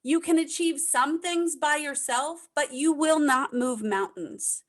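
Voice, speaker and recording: Emphatic American woman guest, high voice, conversational. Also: measured pace. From United States. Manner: emphatic, repeats points for effect. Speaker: podcast guest, leadership consultant. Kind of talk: casual interview chat.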